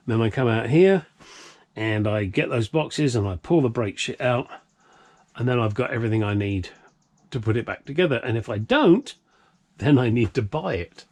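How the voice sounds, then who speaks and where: This classic car workshop vlogger, a middle-aged Brit, has a medium-pitched, expressive, slightly mellow voice and talks at a normal pace. Filming in his home workshop, he rambles to camera in a blunt, jokey way, often poking fun at himself.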